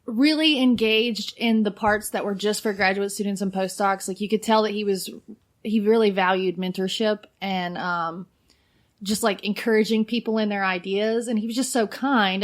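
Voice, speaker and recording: Podcast guest, woman in her thirties, talkative and giggly, unhurried everyday delivery. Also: mid-range voice. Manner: chatty, fillers of "like", frequent laughter. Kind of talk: casual chat.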